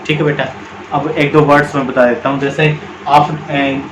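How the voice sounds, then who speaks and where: Indian teacher explaining slowly, echoey room. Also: male voice, mid-range voice, little pitch movement. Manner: explains step by step, repeats words slowly, calls students beta. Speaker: English grammar teacher. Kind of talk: classroom-style video lesson. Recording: echoey room with faint background noise.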